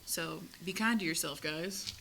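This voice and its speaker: A woman's voice: fairly low pitch, unhurried, vocal fry, bright, forceful tone, poor audio. Giggly, cursing podcast co-host woman. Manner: giggly, swears freely, rambling. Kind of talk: casual chat. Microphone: close podcast mic.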